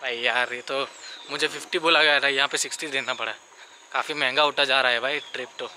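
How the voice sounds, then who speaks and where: Young male vlogger, chatty, on a handheld camera outdoors with clear street noise. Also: medium pitch, steady tone, brisk, sharp tone. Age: young adult. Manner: chatty, addresses viewers as bhai, mixes English phrases. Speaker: travel vlogger. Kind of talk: casual travel vlog to camera. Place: outdoors on rainy streets and forest paths. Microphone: handheld camera at arm's length.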